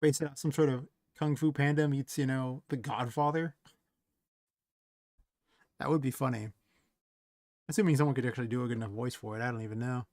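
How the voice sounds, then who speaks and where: A man's voice: mid-range voice, fairly even intonation, fairly quick, long pauses, darkish tone, no echo, clean studio sound. A tired man, an indie game developer, thinking aloud and rambling to himself as he works through the night. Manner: rambling, talks to himself, trails off. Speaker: indie game developer streaming his work. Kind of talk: thinking aloud while working.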